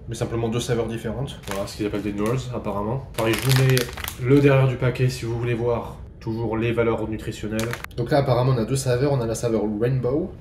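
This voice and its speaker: Fast-talking man in a roomy space. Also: mid-range voice, a little mellow, a little hiss or hum. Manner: chatty, swears casually, thinks aloud while eating. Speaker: vlogger reviewing snacks. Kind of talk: casual food tasting vlog. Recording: roomy echo, faint background ambience.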